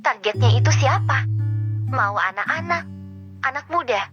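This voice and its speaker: A woman doing a calm, clever young office boy. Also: sits high, a little slow. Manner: polite, patient explaining. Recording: dull lo-fi with guitar music.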